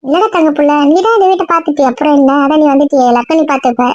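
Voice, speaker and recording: A woman plays a chatty, affectionate elder sister of the household in a homemade audio drama, speaking in a high voice. The recording is dull and dry. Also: racing, a little mellow, no room sound, close to an everyday voice.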